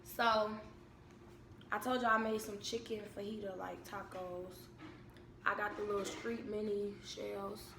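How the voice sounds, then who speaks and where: A young American woman chatting casually to camera at home, telling stories in an informal, unhurried way. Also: medium pitch, flat delivery, creaky. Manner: informal, unhurried storytelling with repeated phrases. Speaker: vlogger and mother. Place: indoors at home. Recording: echoey room with background noise.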